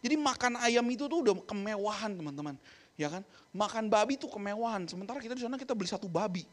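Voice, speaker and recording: A man's voice: high-pitched, lively intonation, fast. A man preaching a casual youth sermon, chatty and keeps addressing his listeners directly, slipping into English now and then.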